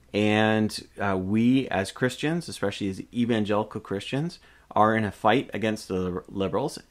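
A man hosting his own channel, giving a reflective personal monologue with many pauses, fillers and restarts. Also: lowish voice. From Canada. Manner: hesitant, frequent uh fillers and restarts.

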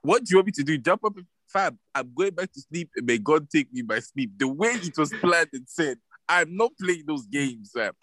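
A man's voice: fairly high pitch, expressive, moderate pace, hardly any pauses, fairly bright tone, dry recording, low-quality recording. A young man with a London roadman accent, bantering casually in street slang and insisting on his points by repeating himself.

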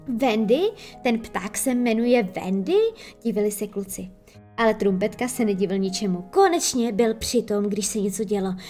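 A woman narrating a children's story in a lively, expressive way. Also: fairly high pitch. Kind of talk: storybook reading.

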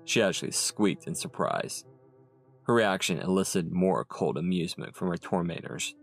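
Male audiobook narrator, low gravelly voice, music bed. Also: normal speed. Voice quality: gravelly, very deep. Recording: narration over soft music.

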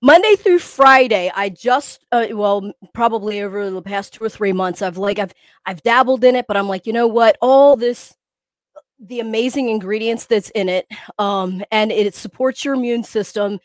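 A woman's voice: fairly high pitch, moderate pace, dry recording. A woman in her fifties co-hosting a podcast, chatty and enthusiastic with lots of fillers. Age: 50s. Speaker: podcast co-host. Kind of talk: casual podcast chat.

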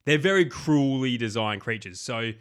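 A man co-hosting a relaxed film podcast, talking in a bright, pushing tone. He is animated, curses a lot and jumps into little impressions of scenes. His pitch sits in an ordinary middle range. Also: normal speed, clear, resonant tone. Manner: animated, swears freely, acts out scenes. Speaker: podcast co-host. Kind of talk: casual film discussion.

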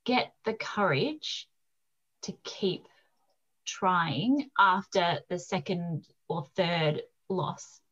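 Slow-spoken woman host, dull lo-fi sound. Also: fairly low pitch, expressive. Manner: gentle and unhurried, with brief affirmations. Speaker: podcast host. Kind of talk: interview questions.

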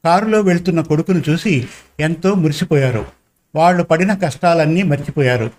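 A man narrating a story in steady, measured storybook reading. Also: fairly high pitch.

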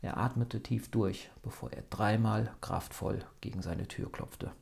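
A man reading a story as scripted narration in a steady storytelling manner. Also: fairly low pitch, measured pace, vocal fry. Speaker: audiobook reader.

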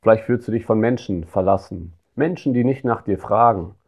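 A man's voice: lowish voice, moderate pace, muffled recording. Earnest German-speaking male preacher. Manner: earnest and pastoral, grows quiet and intimate; addresses listeners directly. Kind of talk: devotional sermon.

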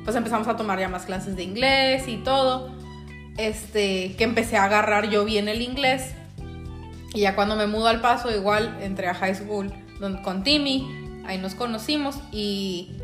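Speaking at a normal speed in a mid-range, fairly bright voice, this podcast co-host is a young Mexican woman with a Mexican accent. She tells stories in a chatty, casual way, using plenty of filler words, over a roomy echo and background music.

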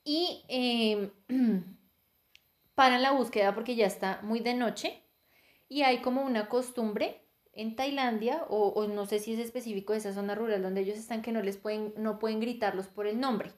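A woman's voice: fairly high pitch, moderate pace. A young woman in casual chat, animatedly retelling a plot and laughing often. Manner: animated storyteller, laughs often, filler 'ta, ta, ta'.

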